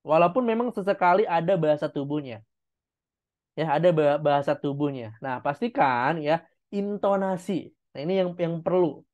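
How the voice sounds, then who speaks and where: Coach on a dull video call. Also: male voice, fairly high pitch, darkish tone. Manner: encouraging, explains step by step, with demonstrations. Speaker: public speaking coach. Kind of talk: online class feedback.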